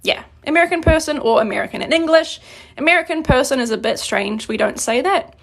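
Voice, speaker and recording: A woman from New Zealand teaching a live-streamed grammar lesson, explaining patiently and clearly, slowing down on her examples. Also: sits high, animated. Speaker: Korean language teacher.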